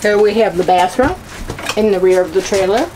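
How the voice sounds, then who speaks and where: A middle-aged woman with a mid-pitched voice makes short, casual remarks while showing the inside of a small trailer. She is a step or two from a handheld camera, with clear air-conditioning noise behind her. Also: normal speed. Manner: brief, clipped remarks. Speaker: RV vlog co-host. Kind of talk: casual walk-through tour remarks. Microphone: handheld camera a step or two away.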